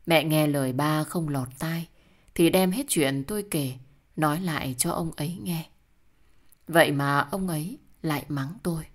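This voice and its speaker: A woman narrating an emotional first-person audio story in a soft storytelling manner. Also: sits low, measured pace.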